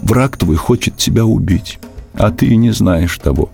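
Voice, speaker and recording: A man's voice: lowish voice, expressive, moderate pace, gravelly, dark tone, faint music behind, voice pushed up. A man voicing a sly, scheming female fox who whines and pleads in a storybook tale. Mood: whining, sly. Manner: whining, plaintive pleading.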